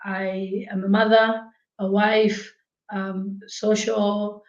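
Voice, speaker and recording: A woman's voice: medium pitch, level tone, drawn-out words. A young woman, answering interview questions in a chatty way with lots of ums. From Zambia. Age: young adult. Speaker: guest, blogger. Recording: echoey dull remote call audio.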